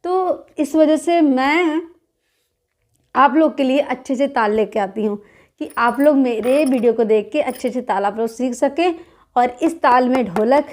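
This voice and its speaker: A woman's voice: high voice, a little mellow. A woman teaching dholak in a casual, encouraging lesson, her throat a little sore. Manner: chatty, encouraging, counts beats aloud.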